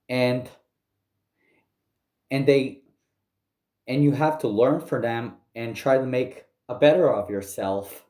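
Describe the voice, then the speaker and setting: Male commentary ranter, slow, profane, halting. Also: mid-range voice, a little mellow, roomy sound. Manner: angry, profane, halting with restarts. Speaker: commentary youtuber. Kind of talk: ranting commentary.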